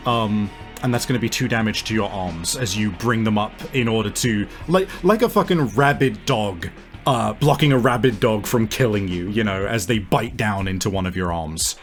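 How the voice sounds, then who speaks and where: A man with a fairly low voice serves as game master for a tabletop game, narrating at a moderate pace in casual, profane language. Background music plays under his voice.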